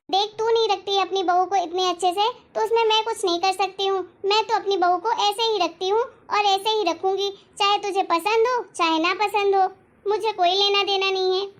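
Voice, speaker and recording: A woman's voice: very high voice, steady tone, brisk, fairly bright tone. A woman voicing a loving elderly mother-in-law in a family cartoon story, scolding fondly and insisting firmly. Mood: firm defending.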